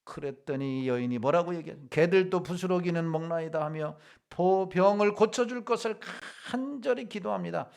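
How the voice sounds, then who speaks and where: A male pastor delivering a sermon with a high, gravelly voice. He dramatizes quoted lines and drops suddenly from forceful to near-hushed. His delivery is theatrical and emphatic. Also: moderate pace, hardly any pauses.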